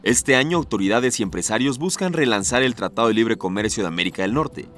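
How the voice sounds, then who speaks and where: A man's voice: medium pitch, lively intonation, quick pace. A man reading scripted news narration. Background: music.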